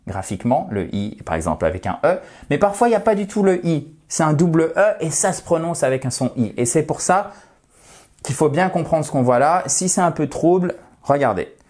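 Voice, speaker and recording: A man whose first language is French, teaching an English pronunciation lesson and demonstrating words with careful, drawn-out stress. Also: a little high, expressive, a little mellow.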